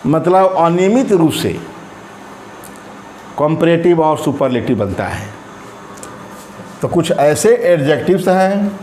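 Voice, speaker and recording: A man teaching grammar in Hindi, slowly repeating and spelling out each example word. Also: a little high, a little mellow. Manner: slow, repeats and spells out words, stretches examples. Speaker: English teacher. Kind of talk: grammar lesson. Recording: echoey room with faint ambient noise.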